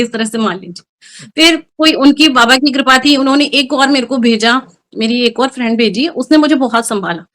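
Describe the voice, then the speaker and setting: High-voiced woman telling a personal story. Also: fairly bright tone. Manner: emotional, earnest storytelling with Hindi-English mixing. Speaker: guest. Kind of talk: personal testimony interview.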